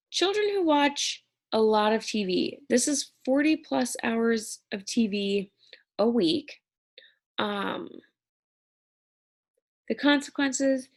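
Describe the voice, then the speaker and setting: A woman's voice: mid-range voice, a little mellow. A woman instructor talking through an exam review lecture in a conversational way, checking in often with "right?".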